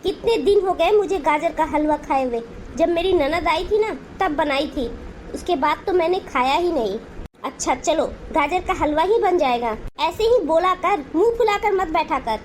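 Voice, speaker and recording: A woman's voice: very high voice, lively intonation, normal speed, darkish tone, a little hiss or hum. A woman voicing an indulgent middle-aged mother in a Hindi cartoon, coaxing and placating.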